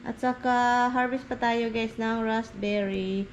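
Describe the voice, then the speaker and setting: A woman's voice: fairly high pitch, fairly even intonation, slow pace, muffled recording, a little hiss or hum. A woman with a Bisaya accent, chatting casually to her viewers while she harvests in her garden and works around her house, mixing in English words. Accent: Filipino, Bisaya. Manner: chatty, addresses viewers as guys, mixes in English. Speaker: vlogger.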